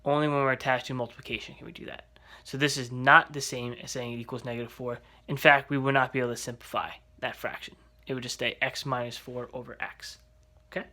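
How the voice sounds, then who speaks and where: A man's voice: medium pitch, flat delivery, quick pace, pushed and bright. A man teaching an algebra lesson, explaining step by step and checking in with rhetorical questions. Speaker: math teacher.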